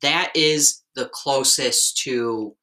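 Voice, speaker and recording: Bright-voiced podcast host doing a top ten countdown. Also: medium pitch, very slow. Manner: reads figures out, then adds chatty asides with tag questions.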